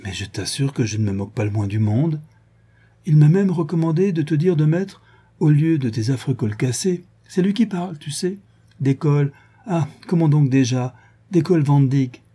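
A man doing a sly, teasing young woman. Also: husky. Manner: lively, teasing, higher voice.

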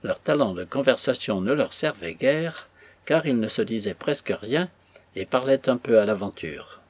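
Husky-voiced male audiobook narrator. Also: mid-range voice. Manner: measured, expressive reading. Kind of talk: literary audiobook reading.

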